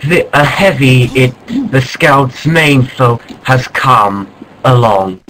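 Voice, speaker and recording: Man, mock-serious documentary narrator, deadpan delivery, slow unhurried pace, faint noise underneath. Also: mid-range voice. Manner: mock-serious, deadpan, with sudden startled exclamations. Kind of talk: mock nature-documentary narration over gameplay.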